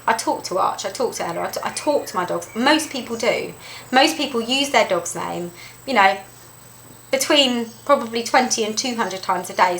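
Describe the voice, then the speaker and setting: A woman teaches dog recall in a bright, clear voice, lively and emphatic. She repeats key points for clarity. A faint hiss of noise sits underneath. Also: rough recording. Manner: lively and emphatic, repeats key points, jumps up high when voicing calls to her dog. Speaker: dog trainer presenting a video lesson. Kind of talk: instructional talk to camera.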